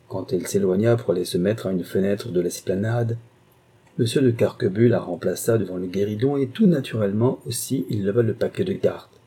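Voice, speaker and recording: A man narrating a classic novel as an audiobook, in a steady, measured storytelling manner. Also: fairly low pitch, slightly rough. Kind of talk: scripted narration.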